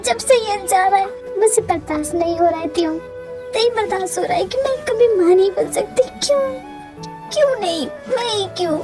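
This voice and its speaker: Woman as heartbroken young wife, tearful, pleading, high voice, faint music behind. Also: moderate pace. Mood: anguished. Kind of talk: Hindi fan audio drama.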